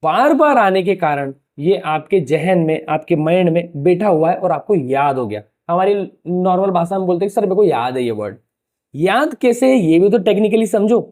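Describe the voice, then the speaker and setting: A man teaching a lesson in a relaxed, chatty tutor's way, with a mellow, darkish voice. He keeps firing rhetorical questions and calls his listeners "brother" in a familiar tone. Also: high voice, normal speed, few pauses. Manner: talks to the viewer like a familiar tutor. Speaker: English teacher. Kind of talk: casual explanatory lesson to camera.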